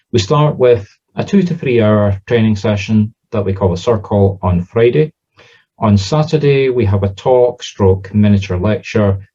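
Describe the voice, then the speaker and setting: Low, mellow Southern Scottish man, slightly muffled. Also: husky. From Scotland. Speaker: spiritualist medium and teacher. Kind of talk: informal explanatory talk.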